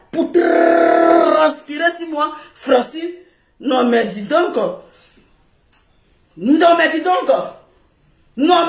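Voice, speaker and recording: Loud, laughing West African woman ranting. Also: sits high. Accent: West African French. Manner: loud, laughing, repetitive scolding. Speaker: social media personality. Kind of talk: heated live video rant. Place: seated on the floor indoors, filming herself. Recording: roomy echo.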